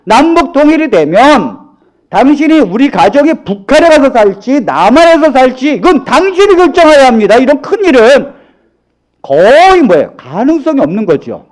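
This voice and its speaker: Lively high-voiced male pastor preaching. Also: normal speed. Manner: animated, preaching with rhetorical questions to the congregation. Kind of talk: sermon.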